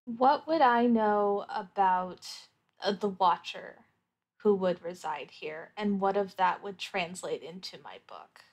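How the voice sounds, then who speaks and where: A woman with a mid-range voice speaks at a slow pace as a player in an actual play podcast. Playing a tabletop roleplaying game, she talks casually and thoughtfully works through her answers out loud.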